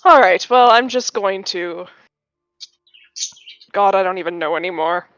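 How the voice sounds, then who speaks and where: A woman's voice: medium pitch, a little slow, a bit bright, dry recording. A woman playing a tabletop role-playing game, sounding exasperated and fretful. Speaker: player. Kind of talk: tabletop role-play banter. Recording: dull lo-fi audio with faint music.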